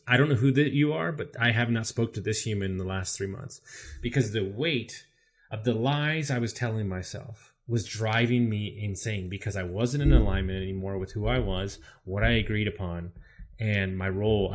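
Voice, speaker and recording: A man speaking as a guest on a podcast, with a slightly low voice. He tells his story candidly and with energy, and swears freely. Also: brisk. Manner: candid, profane, animated storyteller. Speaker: podcast guest, business coach. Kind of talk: casual storytelling interview.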